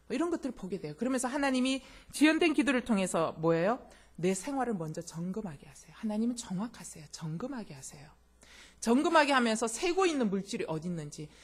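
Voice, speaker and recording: A woman's voice: a little high, breathy edge. A woman pastor preaching a sermon, emphatic and speaking straight to her congregation with questions. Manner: addresses listeners directly and often.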